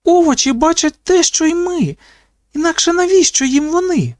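A man's voice: very high voice, expressive, a little slow, a little mellow, pitched above the performer's own voice. A man voicing a tense teenage girl with psychic powers in an audiobook, speaking her urgent thoughts. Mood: excited.

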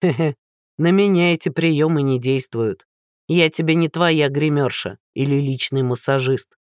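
A narrator voicing a blunt, unflappable small-town army captain who speaks plainly. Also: male voice, on the high side, measured pace, smooth, no room sound, studio quality, lightly acted. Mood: calm.

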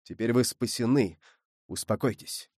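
A man voicing a noble, merciful count who speaks in a low, soft and solemn way. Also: measured pace, dry recording, studio quality, lightly acted. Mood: calm. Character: noble older male count, grave and merciful.

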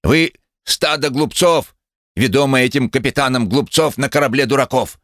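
A man's voice: on the low side, big pitch swings, moderate pace, no echo, studio quality, voice pushed up. A man voicing a sneering one-legged male cynic who speaks with mocking contempt. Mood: defiant.

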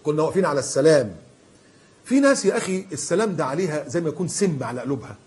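A man preaching in a colloquial style with an Egyptian accent. He is animated and emphatic, and he acts out the people he quotes. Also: fairly high pitch, rapid-fire, breathy edge. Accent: Egyptian Arabic. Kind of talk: colloquial sermon.

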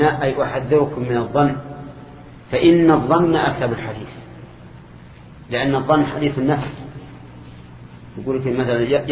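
An older man explains a text slowly to a circle of students. He sounds roomy, with a long hall reverb. The recording is dull, old-tape lo-fi, with a light hiss behind him. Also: mid-range voice. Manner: measured explanations with questions to the class. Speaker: sheikh teaching a hadith lesson. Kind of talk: classical lesson commentary with students.

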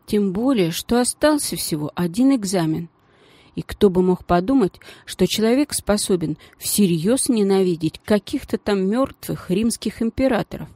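Женщина с выразительной живой манерой читает вслух детскую повесть. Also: female voice, medium pitch, animated, moderate pace, warm tone, no echo. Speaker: audiobook reader. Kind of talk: storybook narration.

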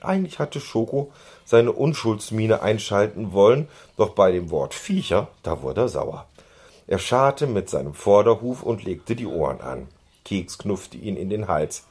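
A man reading a children's story aloud in an expressive, playful way. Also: lowish voice, unhurried, husky. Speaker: narrator. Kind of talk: audiobook reading.

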